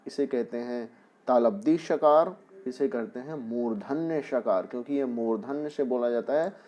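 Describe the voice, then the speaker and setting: A man's voice: mid-range voice, normal speed, warm tone. Guy teaching kids hindi spelling, patient, walks through examples one by one, keeps checking "है ना". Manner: patient, explains step by step with examples; often asks the class "है ना". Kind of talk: Hindi spelling lesson for children.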